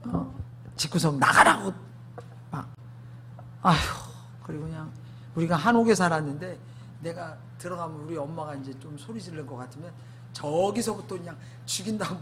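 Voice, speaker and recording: A man's voice: a little high, darkish tone, breathy edge. A man preaching a sermon testimony, emphatic, asking the congregation rhetorical questions.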